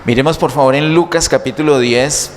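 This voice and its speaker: A man's voice: medium pitch, fairly quick. A man preaching a sermon in a church, teaching step by step and asking his listeners many questions. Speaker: pastor. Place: church hall. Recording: church hall reverb, faint noise.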